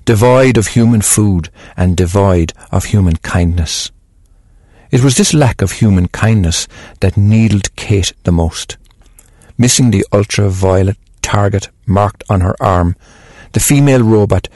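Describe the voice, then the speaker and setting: Gravelly man reading a short story. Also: on the low side, a little mellow, dry recording, clean studio sound. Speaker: host and storyteller. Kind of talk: reading short stories aloud.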